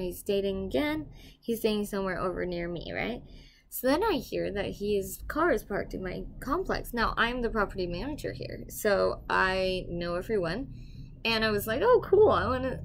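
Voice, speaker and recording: A young woman casually telling a dramatic personal story to the camera, animated and given to swearing. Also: medium pitch, gravelly, a little hiss or hum. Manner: animated, swings loud and quiet, swears casually. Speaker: property manager telling a story.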